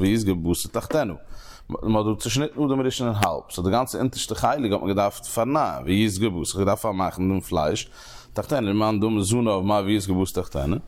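A man teaching a Talmud lesson, explaining the text in halting phrases that he repeats and restarts. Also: on the low side, a little mellow.

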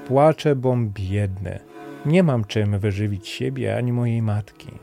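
A man voicing a poor young fisherman, earnest and gentle, speaking plaintively. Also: lowish voice, a little slow, creaky, faint music behind.

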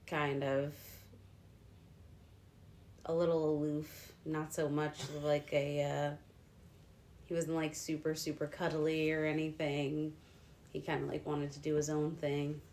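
Low-voiced woman, dry teasing podcast co-host. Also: monotone, a little slow, pauses often, darkish tone, slight background noise. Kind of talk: casual chat.

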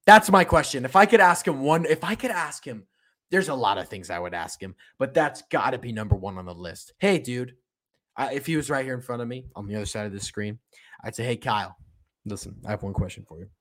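A man's voice: mid-range voice, a little fast, fairly bright tone. A man hosting a solo sports podcast, ranting about football in an impassioned, repetitive way. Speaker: podcast host.

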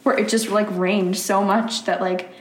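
A woman's voice: mid-range voice, flat delivery, a little slow. Chatty young woman in a roomy space. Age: young adult. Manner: chatty, giggly, filler-heavy. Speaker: college student guest. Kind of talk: casual interview chat. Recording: roomy sound with faint noise.

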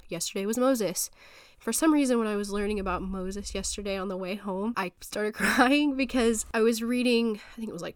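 A woman's voice: mid-range voice, dry recording, clean studio sound. A woman in her thirties hosting a faith podcast, sounding stuffy from a sinus infection, talking in an earnest, rambling, encouraging way from her home office. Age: 30s. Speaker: podcast host.

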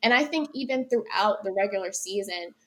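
Woman, podcast co-host, relaxed, agreeable, medium pitch. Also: brisk. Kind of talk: casual sports chat.

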